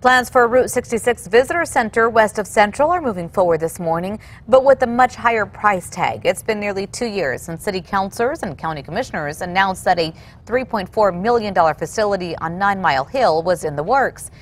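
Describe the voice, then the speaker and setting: A woman's voice: mid-range voice, expressive, fairly quick. A woman working as a news anchor, reading scripted television news stories.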